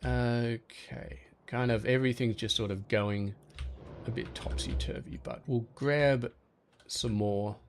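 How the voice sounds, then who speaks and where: A man's voice: mid-range voice, vocal fry, a little hiss or hum. Easygoing man thinking aloud. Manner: easygoing, thinking aloud, talks to game objects. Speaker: gaming channel host. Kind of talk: relaxed gameplay commentary.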